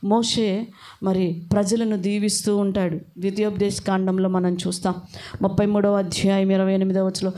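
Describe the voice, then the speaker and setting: A woman's voice: mid-range voice, darkish tone. A woman with a Telugu accent preaching a fervent, urgent sermon that rises in exhortation.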